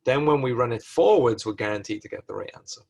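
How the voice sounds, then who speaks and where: A man's voice: mid-range voice, expressive, quick pace, vocal fry, darkish tone, slightly rough. A male lecturer working through chemistry problems step by step, thinking aloud and correcting himself mid-sentence. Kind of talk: recorded lecture walkthrough.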